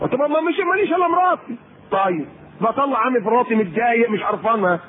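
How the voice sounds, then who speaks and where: Egyptian male preacher, playful and animated, on a thin phone-like lecture recording. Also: extremely high pitch, fast talker. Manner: lively, teasing, acts out quoted people. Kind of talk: colloquial sermon to women. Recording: tinny phone-like lecture tape with faint hiss.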